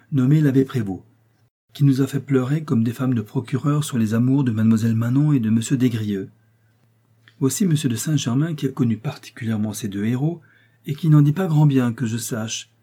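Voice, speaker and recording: A man's voice: fairly low pitch, warm tone, breathy edge. A man voicing a spirited aristocratic lady in an audiobook, with exclamatory, theatrical indignation.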